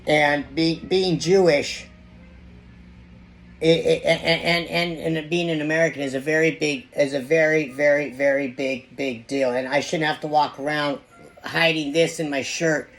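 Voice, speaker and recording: A man hosting an informal opinion monologue, speaking in a halting, repetitive and emphatic way. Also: a little high, fairly even intonation, fairly bright tone, faint music behind. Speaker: video host.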